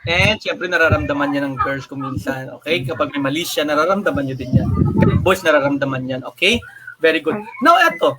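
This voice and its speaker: A man's voice: on the high side, very animated, fairly quick, very noisy. A Filipino man hosting an online chat, teasing and joking with his guest as he questions her. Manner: teasing, joking interviewer with frequent laughs. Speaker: host. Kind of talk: casual chat.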